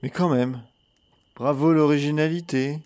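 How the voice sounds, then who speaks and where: A man's voice: on the high side, steady tone, darkish tone, smooth, lightly acted. An actor playing a sceptical young man who teases in a sarcastic tone. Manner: sarcastic, slow-spoken. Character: sceptical young man camping, teasing his partner.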